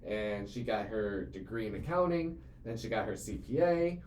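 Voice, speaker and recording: The host, a man in his late twenties who is also a CEO, keeps his business podcast casual and conversational. His lowish, slightly mellow voice has lively intonation and a normal speed, while his earnest speech rambles on with many fillers and repeated words. There's a roomy echo and some faint ambient noise.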